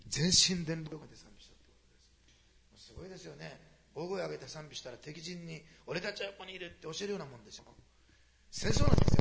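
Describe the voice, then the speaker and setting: A man preaching a sermon to a congregation, moving quickly between quiet storytelling and loud, animated passages. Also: on the high side, vocal fry. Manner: fast, animated preaching that swings from hushed asides to loud climaxes. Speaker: pastor.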